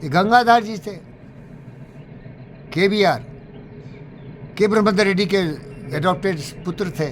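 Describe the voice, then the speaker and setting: A man's voice: sits high, unhurried, pauses often, slight background noise. A man telling stories from his life in a rambling, emotional monologue, sprinkled with curses. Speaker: speaker recounting his life. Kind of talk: animated storytelling monologue.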